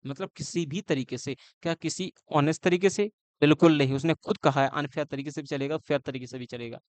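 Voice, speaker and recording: A man teaching an exam-prep lesson on idioms. He quizzes himself with questions, mixes Hindi and English, and slows down to spell out each phrase. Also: on the high side, darkish tone, no echo. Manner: explains with repeated questions and answers; calls students bhaiya.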